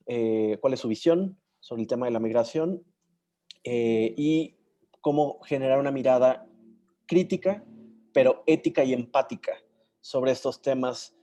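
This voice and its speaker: A man moderating an online session over a video call, often pausing and searching for words and names. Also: medium pitch, warm tone. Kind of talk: casual online session hosting.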